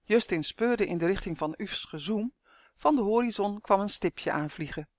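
A calm, even storybook narrator reads aloud at an ordinary middle pitch. The recording is dry and close, with no room sound. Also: normal speed, no room sound. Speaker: audiobook reader.

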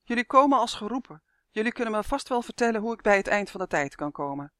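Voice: mid-range voice, big pitch swings, quick pace, a bit bright, no echo, clean studio sound, pitched above the performer's own voice. A storyteller voicing Justin, a curious young boy in a children's story, who speaks earnestly.

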